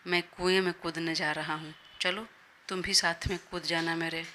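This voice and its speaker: A woman takes on a short-tempered young boss in a storybook audio drama. He sounds gruff and scolding. His voice sits low, bright and flat, with a faint hiss behind it. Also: moderate pace. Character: irritable young male boss.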